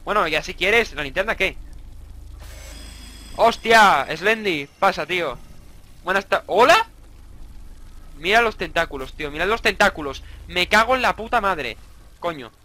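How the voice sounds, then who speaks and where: Bright-voiced Spanish gamer, swearing a lot. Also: male voice, high voice, expressive, measured pace, pauses often. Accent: Spain. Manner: swears a lot, jumpy, joking outbursts. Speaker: gaming YouTuber. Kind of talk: horror game let's play commentary.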